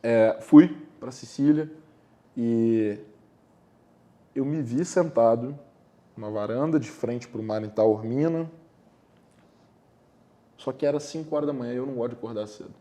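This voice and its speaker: A podcast host with a warm, mid-range voice speaks at a measured pace, pausing often. In a casual podcast interview, he tells a reflective story in an informal, conversational way.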